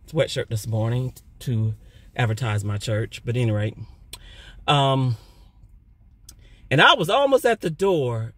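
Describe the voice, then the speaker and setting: A middle-aged man giving a casual spoken testimony, talking loudly and telling his story with energy. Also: mid-range voice, no room sound. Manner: loud, animated storytelling. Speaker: churchgoer sharing a testimony.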